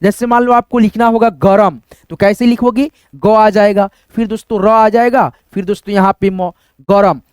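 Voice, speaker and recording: A male teacher giving a casual writing lesson, explaining slowly step by step and asking questions that he answers himself. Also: high voice, steady tone, clear, resonant tone, dry recording, clean studio sound. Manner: explains slowly and step by step, says "friends" often, asks then answers himself.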